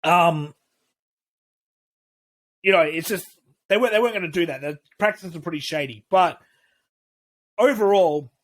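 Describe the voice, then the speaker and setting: In this casual podcast chat, the co-host speaks with a high voice at normal speed, pausing often. He meanders through his opinions, restarting frequently and swearing in a cheerful way.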